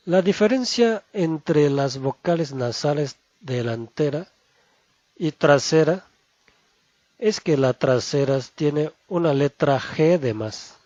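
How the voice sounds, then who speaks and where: A man teaching Chinese pronunciation, saying each syllable slowly and twice over. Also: fairly high pitch, expressive, darkish tone, no echo, lo-fi sound. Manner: slow, deliberate, repeats each syllable twice. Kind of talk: pronunciation lesson.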